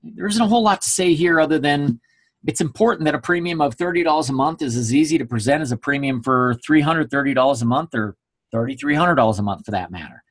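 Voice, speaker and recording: A man's voice: a little high, quick pace. A man giving a recorded sales training presentation, emphatic and coaching, checking in often with his listeners. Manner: emphatic, coaching, frequent "okay?" check-ins.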